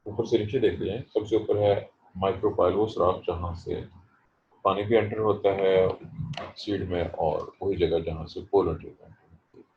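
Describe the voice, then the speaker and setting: Deep-voiced man lecturing in a roomy, muffled recording. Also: fairly even intonation, a little hiss or hum. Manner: slow, explanatory, stresses pronunciation. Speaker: botany professor. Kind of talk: online lecture.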